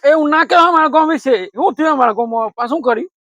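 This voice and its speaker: A man's voice: very high voice, very fast, fairly bright tone, dry recording. A man playing a village local in a comedy sketch, teasing and chatty in rustic talk. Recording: dull lo-fi dry sound.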